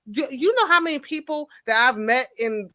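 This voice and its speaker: A woman's voice: high voice, animated, moderate pace, bright, forceful tone. A woman co-host in a casual group chat, bluntly arguing her point. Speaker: podcast co-host.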